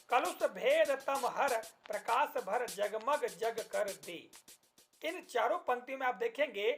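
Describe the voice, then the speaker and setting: A man teaching a grammar lesson from slides. He explains step by step, checks in often with the class, and recites poem lines slowly and deliberately. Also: very high-pitched.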